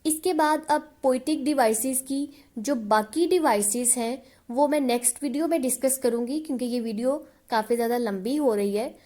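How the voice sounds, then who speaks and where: A woman's voice: sits high, mellow. A woman explaining literature lessons in Hindi with English terms, patient and checking in with her students often. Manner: reads English definitions slowly and deliberately.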